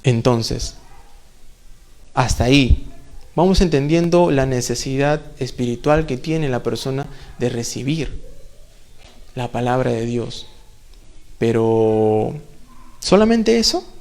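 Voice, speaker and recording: A man's voice: medium pitch, expressive, slow, pauses often, a little mellow. A man preaching a sermon in a church, conversational, full of rhetorical questions and playful asides.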